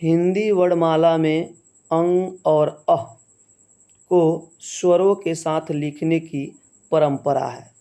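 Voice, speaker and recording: A man's voice: a little high, steady tone, warm tone. A man teaching a grammar lesson, explaining step by step and often checking in with the listener. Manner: slow, measured, repeats "है ना" as a check-in.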